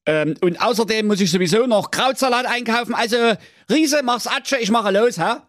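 A man's voice: high voice, normal speed, a bit bright, dry recording, clean studio sound, voice pushed up. A man voicing a cowardly young prince in a comic fairy tale, babbling excuses. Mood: flustered.

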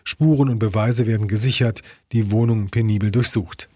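A man's voice: fairly low pitch, fairly even intonation, normal speed, dark tone, slightly rough, dry recording, clean studio sound. A man narrating a dramatic news report in a tense, scripted read.

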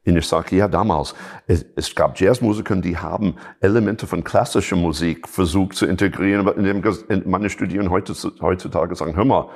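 Speaking German with an American English accent, a middle-aged Chicago man whose first language is English guests in a casual interview as a jazz musician and teacher. His deep voice is gravelly and darkish, and he hesitates often, pausing, filling, and restarting.

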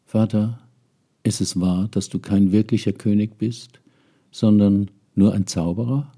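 A man voicing an indignant young prince who wants the truth, with a husky, gravelly voice. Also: fairly low pitch, fairly even intonation, a little slow, mellow. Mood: searching. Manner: earnest, rising to indignant outbursts.

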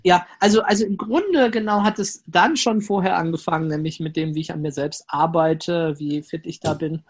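A man being interviewed as a flirting coach, telling lively stories, acting out inner voices and often ending lines with a questioning "ne?". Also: fairly high pitch, normal speed. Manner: lively storyteller, acts out inner voices, frequent "ne?". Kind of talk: conversational interview.

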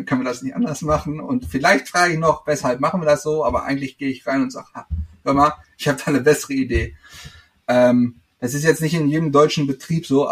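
A man, a guest in a casual interview, talking hesitantly with many filler sounds. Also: mid-range voice. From Netherlands. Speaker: podcast guest.

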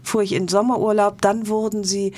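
Middle-aged woman, talk show guest, lively self-mocking storyteller, mid-pitched voice. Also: moderate pace.

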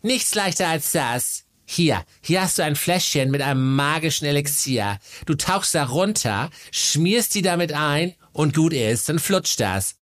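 A cheeky little forest goblin, as a man puts him on, high-pitched and wheedling. He whines and guilt-trips for food and favors in a comic radio storybook. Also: lively intonation, a little slow, hardly any pauses, fairly bright tone. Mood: breezy. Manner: whiny, wheedling, guilt-tripping.

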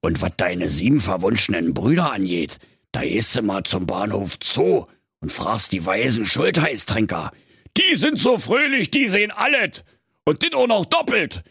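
A big, crude moon from a comic storybook, talking, played by a male narrator. The voice is gravelly and husky and pushed well above the man's usual pitch. It swings broadly and sounds rude and greedy. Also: very animated, normal speed, bright, forceful tone, no echo, studio quality, heavily acted.

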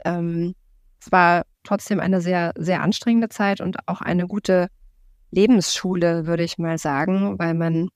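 A woman in her thirties from Berlin, talking casually as a podcast guest, thoughtful and full of filler sounds and pauses. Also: on the low side, a little mellow, no room sound, clean studio sound. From Berlin, Germany. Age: 30s. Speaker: podcast guest, real estate investor. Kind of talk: casual interview talk.

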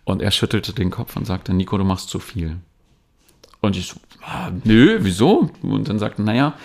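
Middle-aged male interviewee, lowish pitch, chatty storyteller, reflective tone. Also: fairly even intonation, normal speed, gravelly. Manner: chatty, reflective, with small laughs and tag questions. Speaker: dance trainer, podcast guest.

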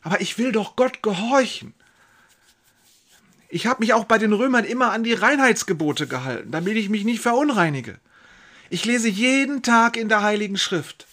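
A man's voice: high-pitched, animated, normal speed, a bit bright. A man playing a pious, anxious young carpenter, telling his story in first person with emotional swings between brooding and outbursts. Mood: worried.

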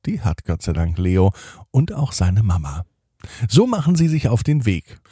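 Low, lively bedtime storyteller man. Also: a little slow, slightly rough, dry recording, clean studio sound. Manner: gentle, addresses children directly. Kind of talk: bedtime story narration for children.

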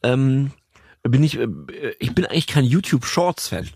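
A man's voice: medium pitch, moderate pace, gravelly, darkish tone, husky, dry recording. A man co-hosting a podcast, hesitant with many fillers and a teasing manner. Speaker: podcast co-host. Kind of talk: casual chat.

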